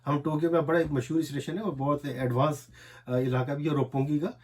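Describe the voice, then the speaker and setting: A man with an Urdu accent teaching a language lesson, explaining as he writes and repeating each word slowly, syllable by syllable. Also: a little high, level tone. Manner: repetitive, drills words slowly one syllable at a time. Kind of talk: explaining a lesson while writing on a board.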